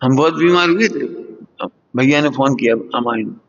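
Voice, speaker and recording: A man giving a morning religious sermon to students, teaching with lively, acted-out scoldings and frequent chuckles. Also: moderate pace. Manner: lively, acts out scoldings with sudden high jumps; chuckles often while teaching. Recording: echoey hall, dull lo-fi sound.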